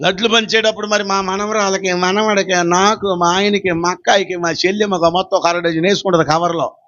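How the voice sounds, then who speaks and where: A male pastor preaching a sermon, teasing the congregation and rising to shouted exhortations. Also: sits high, steady tone, fairly quick, highs cut off.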